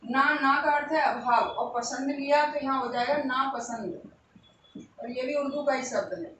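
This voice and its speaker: Female teacher, high voice, deliberate exam-prep delivery, faint hum behind. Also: fairly bright tone. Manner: slow, repeats each word for emphasis. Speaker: Hindi teacher. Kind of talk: exam-prep grammar lesson. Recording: echoey room, voice a bit far from the mic.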